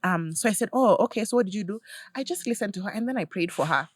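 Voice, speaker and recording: A woman talks quickly as a podcast guest. She slips in and out of her children's voices as she tells family stories. The sound is dry and close, with no room echo. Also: mid-range voice. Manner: animated storyteller who acts out her kids' lines. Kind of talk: casual conversation.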